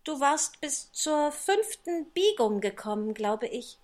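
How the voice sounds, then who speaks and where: A man's voice: very high voice, very animated, takes it slowly, pitched above the performer's own voice, heavily acted. A man voicing a polite, curious and eager little girl in an audiobook reading. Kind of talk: audiobook character voice.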